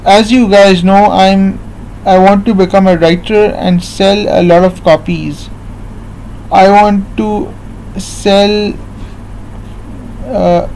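A man's voice: high voice, a little mellow, slight background noise, poor audio. A man, talking to a webcam at home in a rambling, repetitive way full of fillers. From Pakistan. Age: late 20s. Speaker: vlogger. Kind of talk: casual monologue to camera. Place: small room at home, seated in armchair indoors. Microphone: built-in webcam mic at close range.

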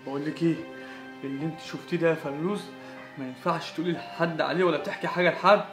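A woman's voice: low voice, steady tone, very fast, natural voice. Mohamed: a woman playing a jittery husband. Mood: anxious. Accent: Egyptian Arabic. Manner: anxious, repeats himself. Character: nervous husband, fretful, keeps praying. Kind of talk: amateur web drama acting. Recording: roomy echo with music under it.

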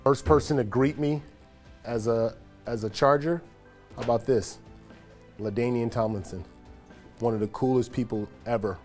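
A man in his forties talks in an easygoing, reflective way, his voice sitting in an ordinary middle pitch. He tells stories about his playing days as he strolls through empty rooms and an open stadium, with soft music faintly underneath. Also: moderate pace, pauses often. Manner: relaxed, reflective, animated when greeting a friend. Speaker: former football player giving a stadium tour. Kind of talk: casual storytelling walk-and-talk. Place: empty locker room, then an empty open-air stadium.

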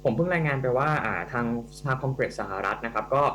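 Male radio host, rapid, brisk news-style delivery, studio with a faint hum. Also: mid-range voice, fairly bright tone. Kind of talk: radio talk show conversation.

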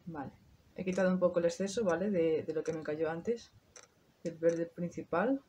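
A woman's voice: fairly low pitch, normal speed, mellow, slight background noise. A woman in her thirties with a Spain Spanish accent, chatting casually to her viewers through a makeup tutorial, swearing now and then. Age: 30s. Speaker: beauty vlogger.

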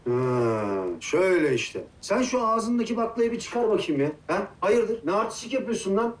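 A bossy, scolding buddy. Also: male voice, sits high, big pitch swings, normal speed. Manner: scolding, blunt, slangy. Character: brusque, bossy male friend, fed up with his buddy. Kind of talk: TV series acting.

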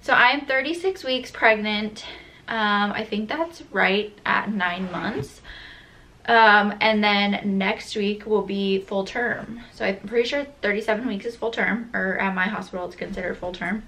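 A woman's voice: medium pitch, unhurried, bright, forceful tone, slight background noise. A young woman vlogging a casual pregnancy update from home to a camera on a tripod, a little short of breath and chatty, with many ums and likes.

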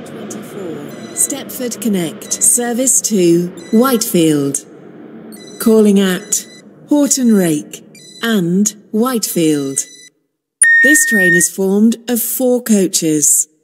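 Automated station announcer, woman, spliced words, very slow, clear noise behind. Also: mid-range voice, lively intonation. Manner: choppy, pieced-together phrasing. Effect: spliced-together recorded words.

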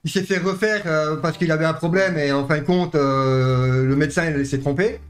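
A man's voice: fairly high pitch, normal speed, clear, resonant tone. A middle-aged man in casual, foul-mouthed gaming chat, quarrelsome and insulting, on a close mic in a small room. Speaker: live streamer playing video games. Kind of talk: casual ranting gameplay chat. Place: small home streaming room.

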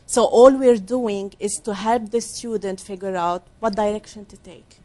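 Seated at a desk on a small TV studio set, a middle-aged Lebanese woman wearing a lapel mic talks about her work as a career counselor in an interview. She speaks softly and earnestly, at medium pitch and normal speed.

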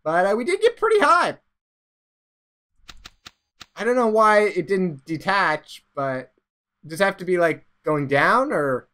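Let's play host, bright voice, rambling, self-mocking casual commentary. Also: mid-range voice, big pitch swings, unhurried, pauses often.

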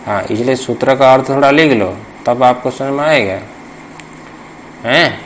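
A man's voice: mid-range voice, a little slow, a little hiss or hum, rough recording. A man teaching Sanskrit grammar in a traditional classroom lesson, repeating points and quizzing students for answers.

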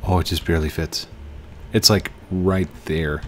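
Slight background noise accompanies this headset recording from a home room, where a gaming host in his thirties, a bit tired, casually comments on a building game. His low-pitched voice keeps a steady tone and measured pace as he chats to objects and hums along.

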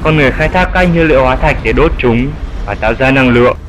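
A man speaks quickly in a natural, mid-range voice as a wise old grandfather bat, patiently explaining things in a dubbed educational cartoon. Background noise can be heard.

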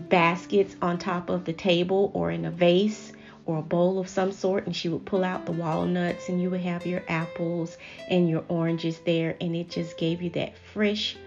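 A woman hosting a home decorating channel, gently chatting viewers through each step in a voice-over. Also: on the low side, lo-fi sound. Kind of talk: voice-over narration of a decorating video.

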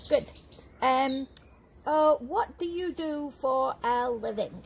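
A woman voicing a prim, chatty, self-important sock-puppet reporter in a comic interview, halting and easily flustered, recorded outdoors in a garden. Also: high-pitched, vocal fry, heavily acted. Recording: outdoor garden noise with birdsong.

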